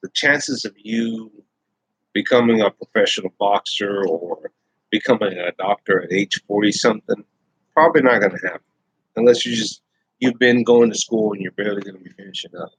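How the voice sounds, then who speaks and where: A man's voice: lowish voice, moderate pace, a bit bright, breathy edge, no echo, rough recording. A man in his thirties hosting a casual live chat, rambling and swearing freely. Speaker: host.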